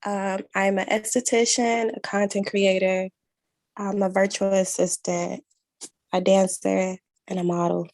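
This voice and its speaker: A woman from Chicago, a guest content creator, talking in a blunt, casual way and swearing without hesitation. Her pitch is ordinary for a woman. The sound is dry and close. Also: level tone, measured pace, a little mellow, dry recording. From Chicago, USA. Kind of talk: casual group interview.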